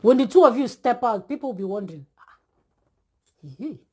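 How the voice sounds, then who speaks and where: A woman's voice: on the high side, expressive, a little fast, breathy edge. A woman preaching an exhortation, speaking straight to her listeners with emphatic repetition.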